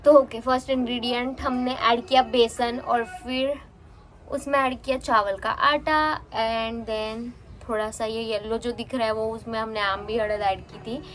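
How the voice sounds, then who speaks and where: A young woman chatting fast in a casual home vlog, talking into a handheld phone. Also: fairly high pitch, fairly even intonation, a little hiss or hum. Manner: chatty, mixes in English words. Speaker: vlogger. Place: at home, indoors and on a terrace.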